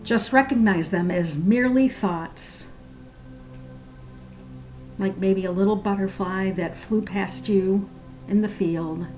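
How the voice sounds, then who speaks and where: A woman leads a guided meditation and prayer in a soft, hushed, soothing voice that trails into a near-whisper. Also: mid-range voice, slow pace, long pauses, faint music behind, low-quality recording.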